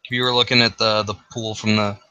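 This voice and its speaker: A man running a tabletop game as game master, describing the scene haltingly with fillers. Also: on the low side, little pitch movement, sharp tone, smooth, no room sound, low-quality recording. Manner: halting, thinking aloud with fillers.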